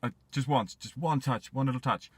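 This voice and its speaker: A man's voice: mid-range voice, normal speed, slightly rough, no room sound, pitched above the performer's own voice, lightly acted. A man voicing a vain young male hunter who is in love with himself, swooning and wailing in a comic myth retelling. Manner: breathless, swooning, then wailing in panic.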